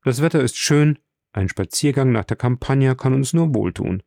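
A man's voice: mid-range voice, lively intonation, moderate pace, creaky, mellow, dry recording, studio quality. A man reading the part of a wealthy, composed count in an audiobook, courteous with a touch of irony. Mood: calm, courteous. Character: suave wealthy count, calm and commanding.

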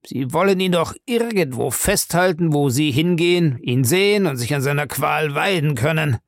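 A man's voice: a little high, lively intonation, no room sound, studio quality, voice pushed up. A man voicing a gloating, sadistic old man. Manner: slow, relishing, sadistic. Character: cruel gloating old man, castle owner. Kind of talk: audiobook character voice.

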